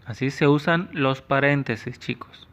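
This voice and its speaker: A man with an Ecuadorian Spanish accent, a teacher giving a lesson to children, explaining slowly and carefully. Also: mid-range voice, fairly bright tone. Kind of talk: classroom lesson. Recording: dull lo-fi sound.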